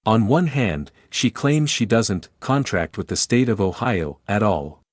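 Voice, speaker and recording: A man's voice: fairly low pitch, lively intonation, a little slow, no room sound, studio quality. A man reading scripted video commentary in a mocking, sarcastic manner. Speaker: narrator.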